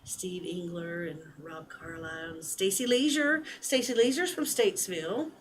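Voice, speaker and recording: A woman's voice: fairly low pitch, moderate pace, a little hiss or hum. Joking woman telling stories on air. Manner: joking, chatty storyteller. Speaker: musician guest. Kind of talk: casual radio interview. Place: small radio studio.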